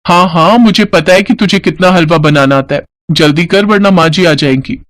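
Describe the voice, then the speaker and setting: A man's voice: high-pitched, normal speed, fairly bright tone, no room sound. A man voicing a kind, hardworking young woman reassuring her twin.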